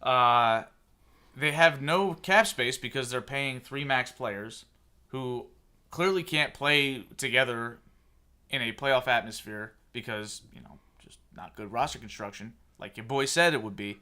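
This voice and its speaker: Guy in his 30s, bright voice, sarcastic sports rant on a podcast. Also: medium pitch, a little slow. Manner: sarcastic, opinionated ranting. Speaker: podcast host. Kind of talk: casual sports chat.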